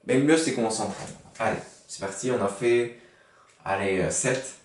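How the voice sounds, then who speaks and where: A man's voice: on the low side, normal speed. A man teaching a spelling lesson to schoolchildren, patient and explaining word origins with many fillers. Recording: roomy, from far off the mic.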